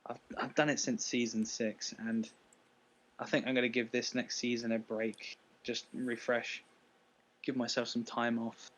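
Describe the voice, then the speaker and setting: A man's voice: medium pitch, level tone, a little slow, fairly bright tone, rough recording. Man presenting racing news casually. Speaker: guest presenter. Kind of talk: casual chat about racing.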